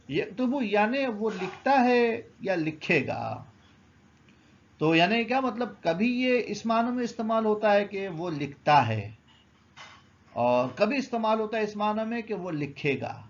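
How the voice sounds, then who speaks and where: A man teaches a grammar lesson with a gravelly, slightly raised voice. He explains step by step and answers his own questions. The recording sounds muffled and lo-fi. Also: sits high, expressive.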